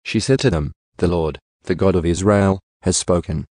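A man giving a steady, measured scripture reading into a close studio mic. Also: sits low, no echo. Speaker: Bible reader.

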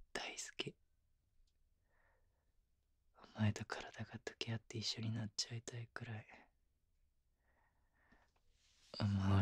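A man playing an adoring, teasing young boyfriend in ASMR role-play pillow talk, murmuring casually and intimately with a husky, breathy voice into a close binaural microphone. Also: lowish voice, no echo. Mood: tender, adoring.

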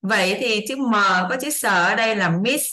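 A woman's voice: on the high side, normal speed, bright, forceful tone. Woman teaching in an echoey room. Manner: chatty, repeats examples, keeps checking understanding. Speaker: English teacher. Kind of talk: casual online lesson explanation. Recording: roomy echo.

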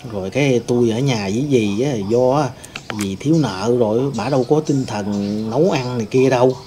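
A man's voice: medium pitch, normal speed, mellow, a little hiss or hum, close to an everyday voice. A man playing a sorrowful wronged ghost. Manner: rambling storytelling, many fillers. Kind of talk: staged ghost-hunting role-play.

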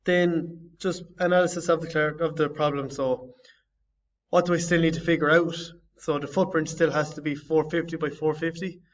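Halting young man presenting his project. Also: on the high side, steady tone. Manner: halting, searching for words, frequent restarts. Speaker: design student. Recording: slightly distant, dull lo-fi audio.

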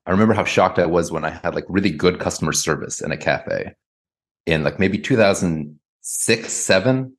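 A man from the United States, a guest author answering interview questions in a thoughtful, hedging way, full of "kind of" and "like". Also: sits low.

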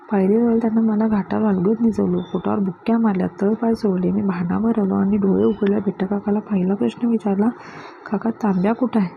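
A woman reading a story aloud in a steady, measured narration. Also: mid-range voice, vocal fry. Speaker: story reader. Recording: dull lo-fi with faint hiss.

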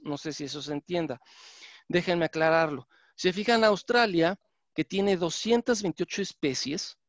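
A man lectures through a computer mic on a video call. His voice sits a little high, and he explains step by step with frequent fillers and self-corrections. The audio is dry and somewhat dull, like a lo-fi call. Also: dry recording. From Mexico. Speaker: lecturer on venomous animals. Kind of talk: online conference talk.

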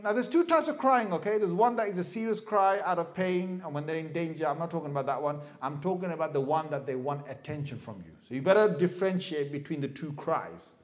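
A middle-aged man giving a lively sermon as an Islamic preacher, asking the audience questions and acting out crying babies. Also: fairly high pitch, quick pace, few pauses. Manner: animated, asks the crowd questions, mimics crying babies.

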